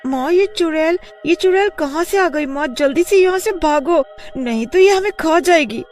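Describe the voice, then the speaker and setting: A man voicing a frightened young daughter in a kids' storybook, panicked and squeaky. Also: normal speed, soft background music. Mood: terrified. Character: scared young woman, the daughter. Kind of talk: storybook voice acting.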